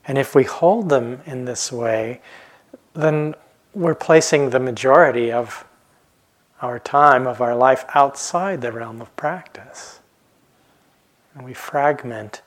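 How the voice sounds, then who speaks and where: A man in his late fifties giving a calm, reflective dharma talk as a meditation teacher, pausing often and letting phrases trail off softly. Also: mid-range voice. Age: 50s. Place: retreat center hall.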